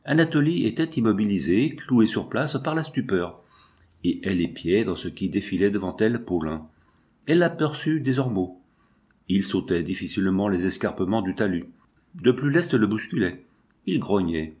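A man reading a novel aloud in a measured, dramatic narration. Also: lowish voice, very animated, a little mellow. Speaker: audiobook narrator. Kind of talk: scripted literary narration.

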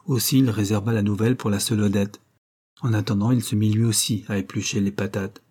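A man reading a novel aloud as an audiobook narrator, steady and measured. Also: on the low side, slightly rough. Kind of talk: scripted narration.

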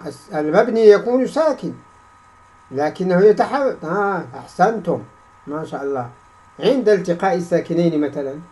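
A man teaching a grammar class, reciting examples slowly and prompting students with repeated questions for them to answer back. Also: high voice, a little mellow, poor audio. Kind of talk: classroom lesson with call-and-response.

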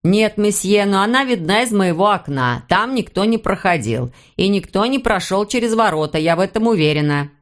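A woman reading an audiobook, voicing a deaf concierge woman who answers in a slow, flat, toneless way. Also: medium pitch, lightly acted. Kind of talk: audiobook character voice.

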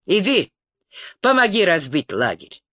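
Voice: medium pitch, huge pitch swings, measured pace, pushed and bright, no room sound, heavily acted. An audiobook reader voicing an eager, self-assured young man who boasts a little. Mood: smug. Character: eager smug young male knight.

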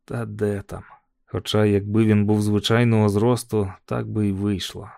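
A man narrating an audiobook story in a measured, calm telling. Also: lowish voice, creaky, no echo, studio quality.

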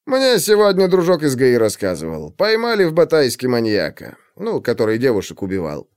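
A man's voice: medium pitch, wildly swooping pitch, fairly quick, a little mellow, smooth. A man voicing a chatty, blunt militia instructor who talks in a colloquial, teasing way. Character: gruff, chatty male militia instructor, joking.

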